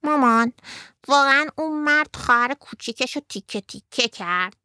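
An eager little boy on a train, with a bright, slightly raised voice full of childlike questions, as a woman reads him aloud. The sound is close and dry. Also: high voice, animated, clear, resonant tone, dry recording, voice pushed up.

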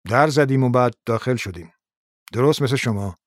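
Brief: a man reading a laconic detective hero in an audiobook, quick clipped lines, dry close sound. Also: mid-range voice, dry recording, lightly acted. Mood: curt.

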